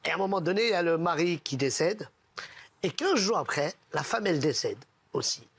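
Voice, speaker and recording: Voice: medium pitch, lively intonation, brisk, breathy edge, no echo. A person telling jokes casually among friends, switching voices for each character. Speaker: joke teller.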